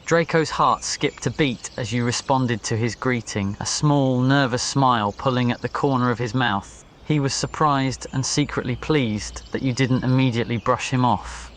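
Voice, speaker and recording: A man narrates a scripted ASMR story in a mid-range, fairly bright voice at a moderate pace. Nature ambience of crickets, birds and insects sits behind him, along with a little hiss or hum.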